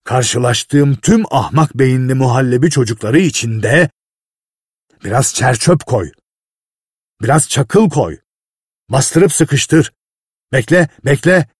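A man voicing a harsh, cursing male mine foreman who barks orders, in a husky voice, in a read-aloud story. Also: medium pitch, lively intonation, takes it slowly, long pauses, dry recording, studio quality. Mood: bullying. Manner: shouting, barking orders. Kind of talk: audiobook reading.

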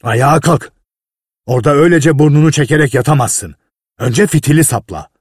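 A man voicing a harsh, cursing male mine foreman who barks orders, in a husky voice, in a read-aloud story. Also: a little high, fairly quick, no echo, studio quality, pitched above the performer's own voice. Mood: bullying. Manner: shouting, barking orders. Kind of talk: audiobook reading.

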